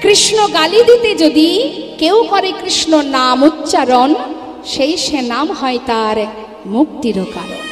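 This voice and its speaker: A woman's voice: high-pitched, animated, slow. A woman kirtan singer who chants devotional refrains and then preaches to a live gathering, calling her listeners baba and ma. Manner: scolds chatting audience. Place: live religious gathering with seats for the audience. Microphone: through a sound system. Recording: echoey hall with long reverb, music behind.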